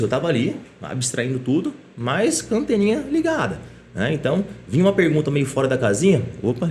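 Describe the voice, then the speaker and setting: A middle-aged man talks quickly as a guest on a casual podcast, recounting events with lively, anecdotal energy. His voice sits in an ordinary middle register, and he keeps checking in with his listener through short tag questions. A faint hum of room ambience sits behind him. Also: medium pitch. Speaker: police chief, podcast guest. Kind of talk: casual interview storytelling.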